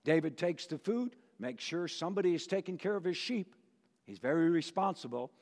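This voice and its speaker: A man's voice: on the high side, expressive, normal speed, darkish tone. A man preaching a storytelling sermon in a church, dramatic and asking the congregation questions, with a long reverb.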